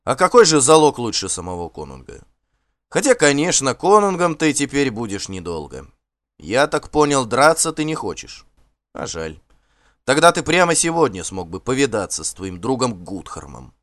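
A man's voice: medium pitch, big pitch swings, normal speed, a bit bright, no echo, studio quality, pitched above the performer's own voice. A man voicing a stern, contemptuous Norse warlord in an audiobook, commanding and scornful. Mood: mocking. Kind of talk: audiobook character voice.

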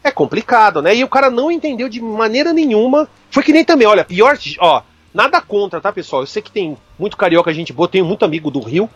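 Fast-talking high-voiced man telling stories. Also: no echo. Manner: rapid, profane, animated anecdotes. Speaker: guest. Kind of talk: casual podcast storytelling.

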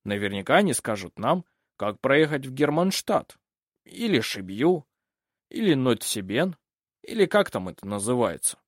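A self-assured older French baron from an audiobook, read by a man. His husky voice moves lively through its range, recorded dry and close. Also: medium pitch, normal speed, no room sound. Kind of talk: audiobook character reading.

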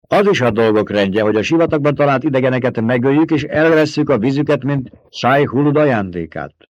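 A man reading the part of a stern, commanding young desert leader with a sharp, forceful way of questioning. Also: medium pitch, animated, dry recording, voice pushed up, lightly acted. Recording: dull, dry recording.

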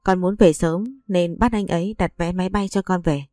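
A woman voicing a gentle, hurt young wife who speaks in a tearful, pleading way. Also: lowish voice, fairly even intonation, normal speed, dry recording, studio quality, natural voice. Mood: polite.

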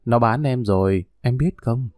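Brief: man voicing a brutal pimp, cold threats, dark mellow tone, dry close sound. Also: mid-range voice, measured pace, no room sound, faint music behind, lightly acted. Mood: menacing. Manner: harsh, threatening, contemptuous.

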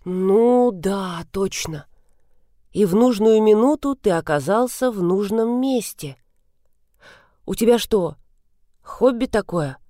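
A playful, sharp-tongued young woman who needles her rescuer, as a woman reader plays her. The voice is bright with mocking lifts and sits in a dry, close recording. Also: mid-range voice, animated, takes it slowly, pauses often, no room sound, voice pushed up. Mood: teasing.

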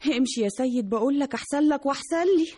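An actress playing a frightened young Egyptian hairdresser in a radio drama, pleading and anxious. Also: female voice, high-pitched, fast talker, mellow, lightly acted. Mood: urgent. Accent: Egyptian Arabic.

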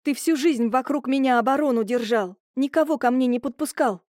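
In an audiobook, a tearful young woman protests in a high, shrill, pleading voice, as a woman acts her. Her tone stays dark and mellow, and the recording is dry and close. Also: a little slow, no room sound. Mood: upset. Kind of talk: audiobook character voicing.

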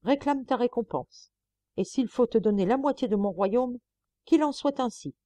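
A woman's voice: fairly high pitch, animated, normal speed, dark tone, dry recording, pitched above the performer's own voice, natural voice. Woman playing a joyful generous king. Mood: grateful.

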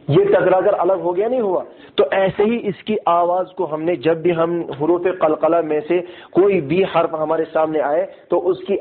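A man teaching a classroom lesson who keeps asking his students questions and repeating his points, slowly sounding out single letters. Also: high-pitched. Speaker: Quran recitation teacher. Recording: tinny phone-like lo-fi recording.

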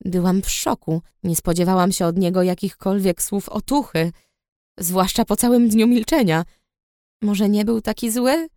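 A woman reading an audiobook aloud in the first person, with an even, reflective storytelling manner. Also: mid-range voice, moderate pace, dry recording, clean studio sound. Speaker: audiobook narrator. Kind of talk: first-person scripted narration.

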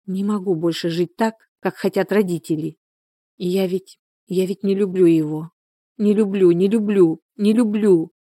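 A tearful pregnant young woman, worn down and desperate, as a woman reader voices her. She pleads in broken, repeated phrases, her voice low and mellow. The read is close and dry. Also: fairly even intonation, normal speed, no room sound, lightly acted. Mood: despairing. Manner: pleading, breaking repetitions.

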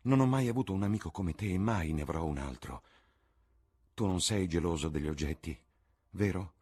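A man voicing an earnest, devoted painter who speaks in a low, subdued, pleading way. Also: normal speed, a little mellow, breathy edge.

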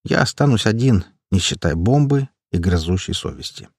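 Male audiobook reader, measured and steady, low husky tone, dead-dry studio sound. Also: no room sound. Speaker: audiobook narrator. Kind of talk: first-person audiobook narration.

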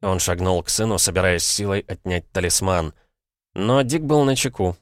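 A man narrating an audiobook in an even, measured way. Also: sits low, dry recording, studio quality. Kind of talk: scripted narration.

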